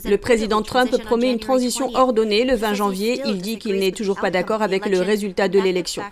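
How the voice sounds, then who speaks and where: A woman anchoring the news, reading a scripted report in an even, measured way. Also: medium pitch, a crowd in the background.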